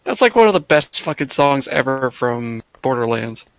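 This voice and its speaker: Young man, gravelly fry and a bright edge; teasing, laughing, swears. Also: medium pitch, very animated, normal speed, no room sound. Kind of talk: casual gaming voice chat.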